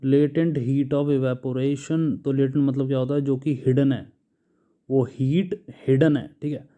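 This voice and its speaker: A man with an Indian English accent teaching English vocabulary, slowly listing synonyms and explaining them in Hindi. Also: medium pitch, level tone, dark tone. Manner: slow, patient, drawn-out word lists.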